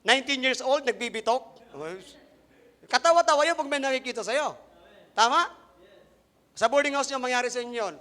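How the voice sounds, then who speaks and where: A man preaching a Sunday sermon, telling his own testimony to the congregation, swinging between quiet asides and loud emphatic lines. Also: extremely high pitch, moderate pace, pauses often. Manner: addresses congregation directly, mixing in English phrases.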